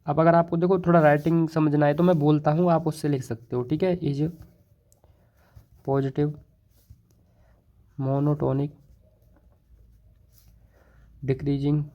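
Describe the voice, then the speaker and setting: A male math teacher with a North Indian accent explains a proof to his students, chatty and repetitive, with frequent fillers. His voice sits a little high for a man. The recording sounds dull and lo-fi. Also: fairly even intonation, quick pace, few pauses. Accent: Hindi-English code-mixing, North Indian. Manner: chatty, repeats "thoda sa" and "theek hai", many fillers and restarts. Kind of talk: casual board lecture. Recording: dull, lo-fi mic.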